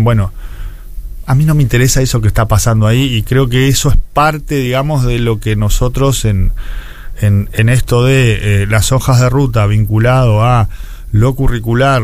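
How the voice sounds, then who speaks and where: This Uruguayan education official, in his forties and from Montevideo, gives explanatory answers in an interview. His voice is medium in pitch with a darkish tone, and he tends to repeat words as he searches for how to phrase things.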